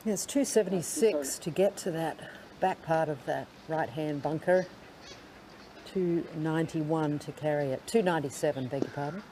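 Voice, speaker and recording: A man's voice: fairly high pitch, normal speed, warm tone, slight background noise. Male golf commentator, understated live commentary.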